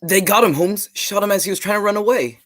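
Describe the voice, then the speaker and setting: A woman playing Doctor Watson, an earnest, excitable gentleman sidekick in a radio drama. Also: medium pitch, quick pace, lightly acted. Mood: agitated. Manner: earnest, exclamatory.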